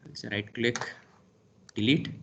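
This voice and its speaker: A male lecturer with an Indian English accent narrates a screen-recorded lab demo, calling out each click and pausing on a steady "okay." His voice sits at a middle pitch for a man. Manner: talks through each click step by step, frequent "okay".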